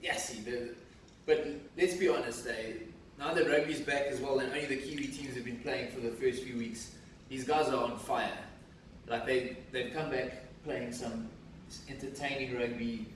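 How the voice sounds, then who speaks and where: A man rambling with cheek and enthusiasm about rugby, in a mid-pitched voice. The sound is very roomy, off the mic, with faint noise behind. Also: steady tone, moderate pace, recorded from a distance. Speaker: podcast co-host. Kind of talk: casual banter and match talk. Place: studio.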